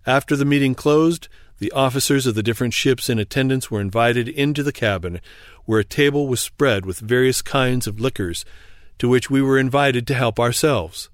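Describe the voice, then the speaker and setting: A man calmly reading an old first-person sea memoir aloud in a measured, formal manner. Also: medium pitch, no echo, studio quality. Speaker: audiobook reader. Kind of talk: scripted narration of a memoir.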